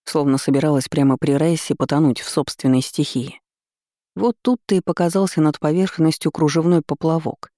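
An audiobook narrator, a man with a fairly high voice, reads a fantasy novel in an even storytelling manner. The recording is clean studio sound with no room sound.

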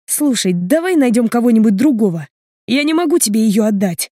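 A woman's voice: medium pitch, expressive, moderate pace, no echo, clean studio sound, natural voice. A woman reading the lines of an agitated, jealous young man in an audiobook, heated and pleading.

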